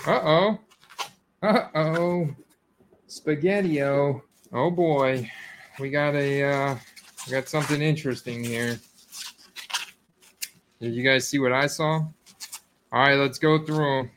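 A man hosting a casual card-opening video, talking straight to his viewers and breaking into excited exclamations as he goes. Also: fairly high pitch, slow, pauses often, slight background noise. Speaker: sports card collector host. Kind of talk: casual unboxing chat to viewers.

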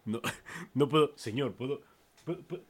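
A man's voice: medium pitch, normal speed, slightly rough, lightly acted. A man voicing a flustered, apologetic veterinarian father who stammers.

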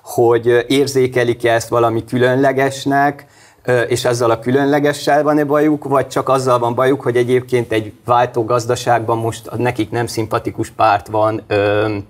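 A man's voice: medium pitch, level tone. A male host in a studio political discussion, talking hesitantly with many fillers and restarts.

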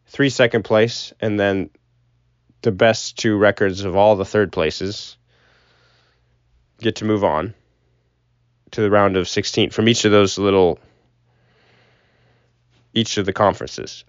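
Solo sports podcast host, young man with a low register, loose sweary opinions, dull lo-fi recording inside a closet. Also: no echo. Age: young adult. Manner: rambling, opinionated, sprinkled with swearing. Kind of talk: casual sports commentary.

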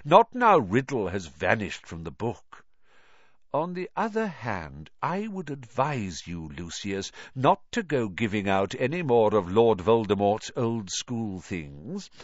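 A reader doing a calm old headmaster. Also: medium pitch, no room sound. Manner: calm, measured. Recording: dry, slightly dull lo-fi.

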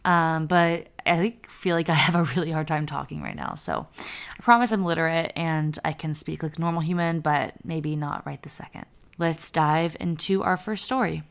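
A woman's voice: sits low, moderate pace, vocal fry. A woman in her twenties hosting a casual podcast, congested and a bit nasal, swearing freely as she chats and reads stories aloud. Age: 20s. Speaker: podcast host. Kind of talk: casual podcast chat and story reading.

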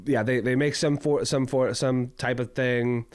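A man in his twenties co-hosts a casual podcast, rambling through stories and leaning heavily on "like" as a filler. His mid-range voice moves little in pitch and keeps a measured pace.

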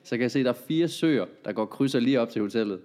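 A man, a comedian and podcast guest, telling a story in a lively, laughing way. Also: medium pitch. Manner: animated, laughing anecdote telling.

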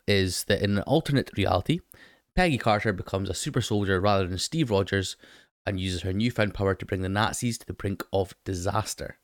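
A man hosts a solo podcast with a hoarse, croaky voice that sits fairly low. He chats loosely and talks straight to his listeners, filling pauses with ums. The sound is dry and close. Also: no echo. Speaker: podcast host. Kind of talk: casual solo podcast chat.

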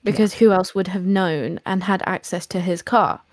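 A woman's voice: on the low side, fairly even intonation, normal speed, no echo. Chatty woman in a dry room. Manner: chatty, adds details eagerly. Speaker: podcast co-host. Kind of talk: casual chat.

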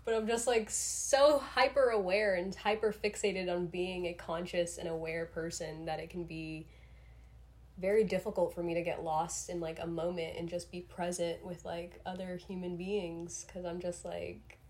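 A young adult woman hosts a solo podcast, rambling and reflecting on herself in a casual way and often using the slangy filler "like." She sounds slightly under the weather and clears her throat. Her voice is on the low side with a level tone at normal speed.

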